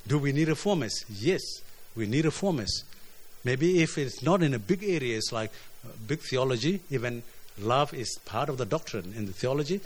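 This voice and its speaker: A man from preaching a sermon, earnest, often repeating words as his voice swings between emphatic highs and quiet lows. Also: expressive, normal speed, breathy edge. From South Sudan. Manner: earnest, repeats words, rises and drops in pitch and loudness.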